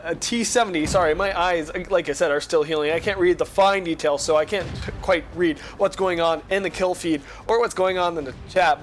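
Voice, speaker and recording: A man giving casual game commentary in a rambling, self-correcting way, recorded on the go through a headset with poor audio quality. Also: fairly high pitch. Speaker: gameplay commentator. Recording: lo-fi headset audio over music.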